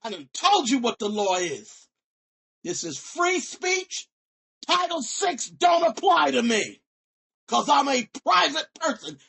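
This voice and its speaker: A woman student confronting officials in a disciplinary meeting, defiant and combative, swinging between shouting and low, menacing threats in informal speech. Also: gravelly, husky. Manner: informal, nonstandard grammar.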